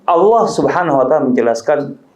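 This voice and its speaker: A man's voice: on the high side, expressive, fairly quick, darkish tone. A man, giving a conversational, joking religious talk that climbs to emphatic peaks. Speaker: Islamic preacher. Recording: roomy echo.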